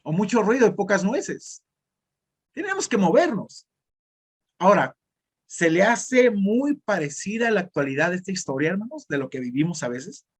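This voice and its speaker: Husky pastor with northern Mexican accent. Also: male voice, high-pitched, sing-song, moderate pace. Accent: northern Mexican Spanish. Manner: conversational, direct, addressing the congregation. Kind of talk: sermon.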